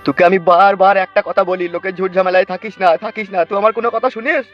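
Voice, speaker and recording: A man's voice: high-pitched, fairly even intonation, racing, highs cut off, faint music behind, lightly acted. A man voicing a worried old father lying wounded in hospital, pleading for caution in a weary way, in a comic cartoon.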